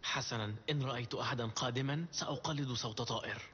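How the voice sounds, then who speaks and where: A man's voice: medium pitch, quick pace, breathy edge. A man playing a wry, anxious teenage boy sidekick in a dubbed drama. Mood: anxious, joking. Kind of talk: dubbed screen drama acting. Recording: dull audio under loud music.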